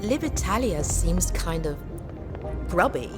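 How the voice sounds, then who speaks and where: A woman's voice: lowish voice, sing-song, slow, loud music behind the voice. An actress playing a seafarer's sceptical young daughter in a video game, blunt and childlike in her questions. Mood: unimpressed. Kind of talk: video game character acting.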